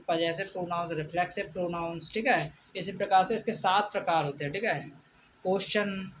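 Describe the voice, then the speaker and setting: A man teaching an English grammar lesson, reading out examples slowly and repeating a filler after nearly every phrase. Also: sits high. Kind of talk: classroom lecture. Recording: distant mic with faint background noise.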